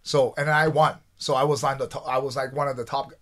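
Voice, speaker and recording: A man in his forties from Taiwan, telling his own stories as a guest in a casual interview, animated and quoting himself. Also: medium pitch, a little fast. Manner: animated, restarts often, quotes himself. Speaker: guest, former fighter.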